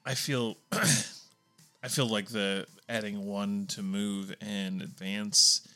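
A man's voice: fairly low pitch, fairly even intonation, slow, pushed and bright, clean tone, faint music behind. A man hosting a casual gaming podcast, giving dry, joking short replies. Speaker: podcast host.

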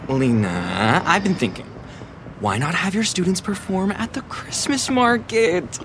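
An actor playing a practical adviser who is gently blunt about money, in an audio drama. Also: male voice, sits high, expressive, unhurried, noisy background.

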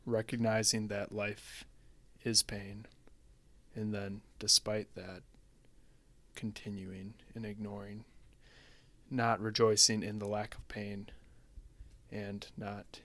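A man's voice: lowish voice, little pitch movement, slow pace, pauses often, fairly bright tone, dry recording. Wry, rambling man on a podcast. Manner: rambling, wry, laughs often. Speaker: podcast co-host. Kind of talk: casual chat.

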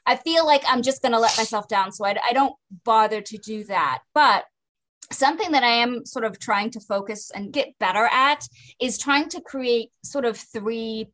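A woman's voice: a little high, normal speed, fairly bright tone. A woman author with a light Maine accent, hosting a casual chat with frequent agreeing fillers. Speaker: podcast host, author.

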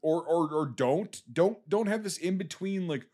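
A man with a warm, fairly high voice speaks a little slowly on a film podcast, casually ranting about a film he disliked. Exasperated and rambling, he swears often and restarts sentences along the way.

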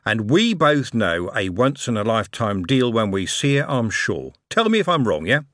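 A man's voice: mid-range voice, very animated, moderate pace, fairly bright tone, dry recording, clean studio sound. A man voicing a jovial, shrewd older male tycoon who talks in coarse, chummy street slang. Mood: scheming.

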